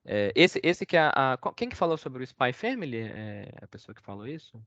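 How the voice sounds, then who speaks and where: A man's voice: medium pitch, very animated, fairly quick, fairly bright tone, no room sound. A man with a Brazilian accent giving a casual online talk, hesitant and rambling with many fillers and restarts. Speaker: guest speaker. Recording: dull, dry lo-fi call audio.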